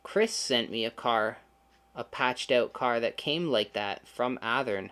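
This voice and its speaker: Male livestream host, mid-pitched, casual and joking, with dry sarcastic asides. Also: measured pace, a bit bright, clear, resonant tone. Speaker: channel host.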